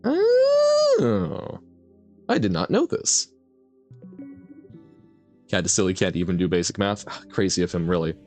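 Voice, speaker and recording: A man streams a video game, chatting casually and reflectively with his viewers, reading and answering chat and laughing a lot. His lowish, darkish voice swoops wildly in pitch, moving a little slowly with long pauses. Faint music plays behind him.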